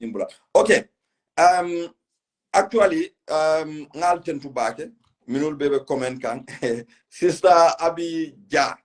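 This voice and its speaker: A man's voice: a little high, slow pace. A man with a West African accent hosting a casual political live chat, speaking emphatically and repeating his phrases. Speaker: host of a political live stream. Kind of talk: casual political live chat, mixing English with a local language.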